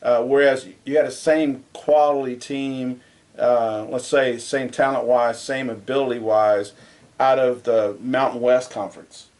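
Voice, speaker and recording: A co-host of a college sports podcast, this man has a voice in the middle of the male range and debates in a casual, rambling, unhurried way with a steady tone. When something bothers him, his voice rises and grows louder.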